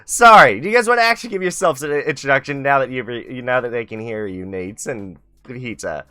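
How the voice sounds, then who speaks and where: A man's voice: medium pitch, fairly quick, sharp tone, clear, resonant tone, no echo, clean studio sound. A man hosting a live-streamed talk show, rambling and self-mocking, swearing freely as he chats. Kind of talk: casual live-stream chat.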